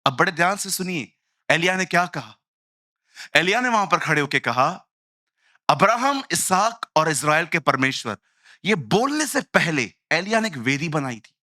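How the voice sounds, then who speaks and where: A man preaching a lively sermon in Hindi mixed with English phrases, telling stories and acting out the voices in them. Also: on the high side, normal speed, no room sound, clean studio sound. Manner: animated storytelling, acts out quoted voices, jokey asides.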